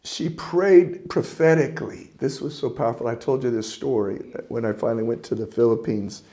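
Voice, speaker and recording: A man's voice: mid-range voice, moderate pace, mellow. An older man, a pastor, preaching a conversational sermon in a folksy, earnest way with frequent chuckles.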